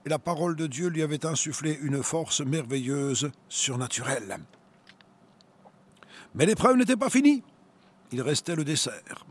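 A man's voice: fairly high pitch, breathy edge. A man preaching and reading a testimony aloud with earnest, dramatic storytelling.

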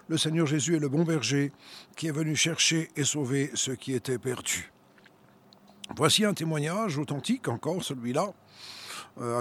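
A man preaching and reading a testimony aloud with earnest, dramatic storytelling. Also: a little high.

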